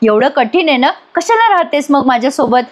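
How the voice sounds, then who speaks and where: Snappish, bossy young husband in a serial recap, read by a woman, higher voice. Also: very animated, brisk. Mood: irritated. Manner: snappish, curt retorts.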